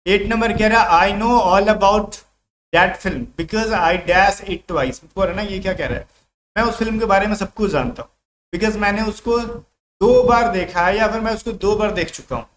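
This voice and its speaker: High-pitched male tutor, chatty lecture style with rhetorical questions, recorded in an echoey room. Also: unhurried, a bit bright. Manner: explains by acting out everyday scenes, asks rhetorical questions. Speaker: exam-prep English teacher. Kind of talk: casual classroom-style lecture. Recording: echoey room with faint background noise.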